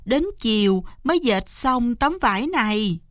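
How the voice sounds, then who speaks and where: A woman's voice: fairly high pitch, lively intonation, unhurried, a bit bright, dry recording, studio quality. A woman voicing a selfish young sister who hedges and hesitates in a storybook tale. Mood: hesitant.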